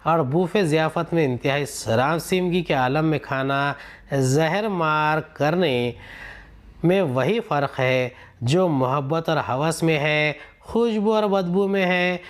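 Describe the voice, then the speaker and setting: Urdu teacher explaining a textbook passage. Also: male voice, a little high. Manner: reads a passage aloud, then explains it with questions to students.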